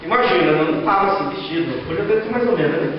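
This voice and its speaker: High-voiced Brazilian pastor in echoing hall. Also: male voice, expressive, racing, a crowd in the background. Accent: Brazilian Portuguese. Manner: storytelling, acting out quoted voices, rhetorical questions. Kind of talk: sermon. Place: large echoey church hall. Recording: echoey hall from far off, dull sound.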